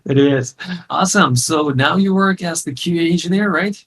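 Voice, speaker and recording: A man's voice: fairly high pitch, normal speed, a bit bright. A man hosting a casual online interview, upbeat and chatty, laughing easily. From came to the US in 2009. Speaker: host and course founder.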